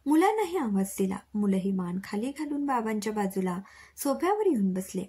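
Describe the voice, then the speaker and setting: A woman reads a love story aloud in an even storybook narration. Her voice is breathy and soft-edged, at a middle pitch. She sometimes drops almost to a whisper. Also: moderate pace.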